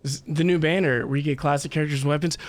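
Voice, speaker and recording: Game music plays as a man on a casual livestream rambles and thinks out loud to viewers while playing. He's a fast talker with a voice on the high side and fairly even intonation, and there's a little hiss or hum.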